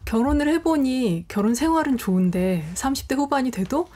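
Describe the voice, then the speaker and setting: Mellow-voiced woman, composed panel guest. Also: high voice, animated, a little fast. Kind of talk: panel discussion talk.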